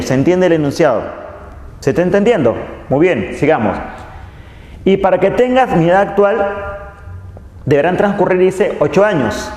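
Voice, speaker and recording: A man's voice: a little high, a little mellow. A man teaching a math lesson, patiently repeating key phrases and asking students questions. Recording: echoey room with long reverb.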